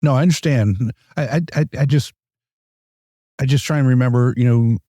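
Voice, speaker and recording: A man hosting a relaxed chat, his voice warm and dark, at a mid pitch. He often stumbles and repeats words as he talks. The sound is close and dry. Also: normal speed, no room sound. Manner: laid-back, stammers and repeats words. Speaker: podcast host. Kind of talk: casual chat.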